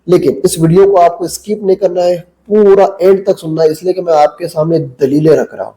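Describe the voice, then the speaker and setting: A man's voice: high voice, fairly even intonation, dark tone, poor audio. A male mufti giving a religious talk to camera, telling a story and then preaching in a blunt, combative, lecturing way. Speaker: mufti, Islamic cleric.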